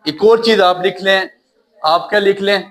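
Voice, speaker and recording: A man teaches grammar in a lecture, and his voice sits noticeably high. He keeps checking whether students follow and slows down to spell out terms. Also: a bit bright. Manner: repeats checks like "right?", calls students "child", spells slowly. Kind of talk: classroom lecture.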